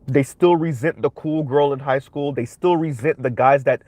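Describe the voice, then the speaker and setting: This young adult man hosts a commentary channel livestream, delivering emphatic social commentary packed with tag questions. He has a cold, so his mid-range, slightly mellow voice sounds stuffy. He speaks at a moderate pace.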